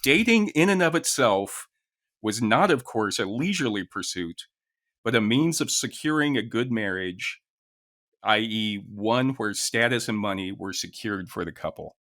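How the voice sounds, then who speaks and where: A man's voice: fairly low pitch, expressive, moderate pace, a bit bright. A man co-hosting a podcast in casual chat, jovially relaying what he has read. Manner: jovial, chuckles through his talk. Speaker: podcast co-host.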